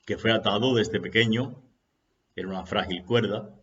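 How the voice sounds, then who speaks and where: Low-voiced man giving a spiritual talk. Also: muffled recording, slight background noise. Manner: unhurried, rhetorical questions. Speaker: spiritual speaker.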